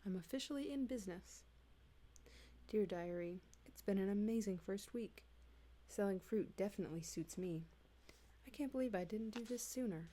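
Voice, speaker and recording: A woman reading humorous texts aloud in a soft, hushed ASMR style, slipping in and out of whispers, close to a desktop mic at home. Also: medium pitch, moderate pace. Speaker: ASMR reader. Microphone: close desktop USB mic.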